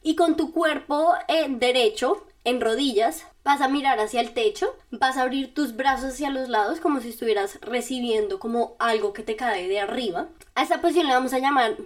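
At normal speed and with few pauses, a high-voiced woman hosts a podcast and gives casual, step-by-step self-help directions. She speaks informally and chattily to the listener, with light laughs.

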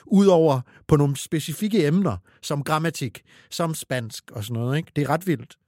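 A man's voice: fairly high pitch, dark tone, no echo, studio quality. Reflective man co-hosting a podcast. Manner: reflective, hesitant with fillers. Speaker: podcast co-host. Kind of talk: casual podcast conversation.

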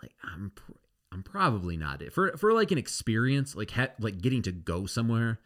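A man co-hosting a sports podcast, giving relaxed, wry opinions in casual chat. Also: lowish voice, a little fast. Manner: relaxed, wry, short replies. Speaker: podcast co-host.

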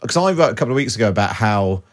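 A man hosting a political radio podcast in a brisk, jokey, chatty way. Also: lowish voice, expressive. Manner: brisk, jokey, laughs often. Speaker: radio presenter.

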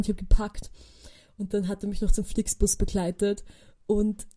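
A young woman tells a story on her podcast in a casual monologue. She talks quickly and acts out the people she quotes, with lots of fillers. Her voice sits a little high, with a warm, mellow tone. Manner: animated, acts out quoted dialogue, chatty with many fillers. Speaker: podcast host.

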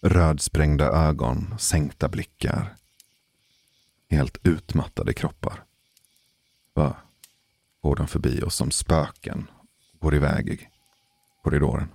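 A man telling a personal story in a casual, measured way, pausing for suspense. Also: extremely low pitch, fairly even intonation, vocal fry, darkish tone, husky, no echo. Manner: measured, deliberate pauses for suspense. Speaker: podcast storyteller.

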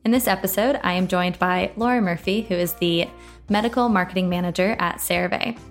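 A woman from the United States hosts a podcast interview, upbeat and friendly as she introduces her guest and asks questions. She speaks a little fast in a lowish voice, with soft music in the background.

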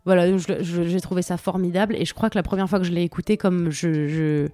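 A French-speaking woman co-hosts a podcast, chatting casually and enthusiastically about song lyrics with plenty of hesitations. Her voice is lowish and dark, fast and fairly even in intonation, and the recording is dry.

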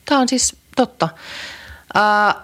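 A woman's voice: medium pitch, fairly bright tone. A young adult woman co-hosting a podcast, chatting in a rambling way with many fillers and restarts. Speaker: podcast co-host. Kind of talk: casual chat.

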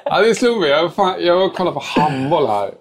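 A man's voice: on the high side, very animated. A man, a baker and pastry chef, chatting casually as a guest, rambling with lots of filler words and mild swearing. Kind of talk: casual podcast chat.

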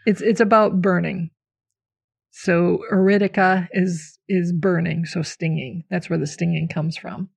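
A woman's voice: on the low side, fairly even intonation, unhurried, creaky, husky. A woman hosting a podcast about herbalism, explaining plants and teachers in an informal, talkative way. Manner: warmly explanatory, informal, with fillers. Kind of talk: casual podcast chat.

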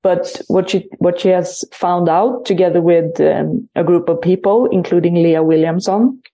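A woman hosts a casual podcast interview. Her voice sits a little low and sounds warm and relaxed. She talks in an animated way and often repeats words while she finds the next one. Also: normal speed. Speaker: podcast host.

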